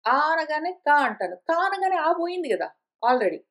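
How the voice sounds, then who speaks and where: A woman giving a conversational scripture lesson, repeating and rephrasing her points and slowing down to recite verses. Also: high-pitched, big pitch swings, a bit bright. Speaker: teacher of scripture. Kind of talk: explanatory spoken lesson.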